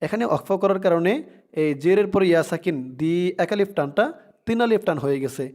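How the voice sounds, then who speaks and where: High, smooth-voiced man teaching Quran recitation. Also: darkish tone. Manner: slow, drawn-out chanting of verses between quick explanations; repeats syllables for learners to follow. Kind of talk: tajweed lesson, spelling out and reciting.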